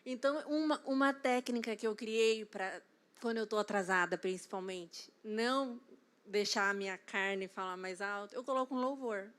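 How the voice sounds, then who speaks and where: A woman's voice: mid-range voice, moderate pace. Laughing Brazilian woman telling a story. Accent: Brazilian Portuguese. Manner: lively storytelling, laughing often. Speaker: church member sharing a testimony. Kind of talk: casual testimony at a Bible study. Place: church.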